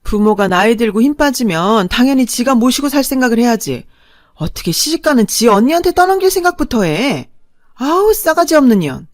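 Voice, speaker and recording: A woman voicing a bitter elderly mother who scolds her daughter in shrill, scornful tones, in a radio drama reading. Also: very animated, moderate pace, a little mellow, dry recording, clean studio sound.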